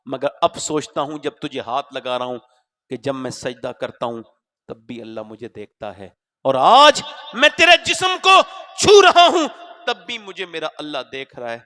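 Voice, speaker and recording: A man's voice: mid-range voice, animated, sharp tone, big-room sound, voice pushed down. A male preacher voicing an ashamed, God-fearing young man who trembles as he confesses. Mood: ashamed confession.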